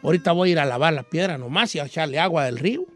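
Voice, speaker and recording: Crafty vagabond trickster voiced by a man, folk tale, high-pitched, bright, faint guitar behind. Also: lively intonation, racing. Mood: sly wheedling. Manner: loud pleading calls, sly wheedling. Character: crafty male vagabond trickster, hungry and scheming.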